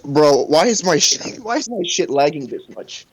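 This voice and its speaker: A young man in a casual online debate, halting and repeating himself as his voice call keeps cutting out. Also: fairly high pitch, sing-song, rough recording. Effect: choppy voice call cutting out. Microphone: voice chat from a college network.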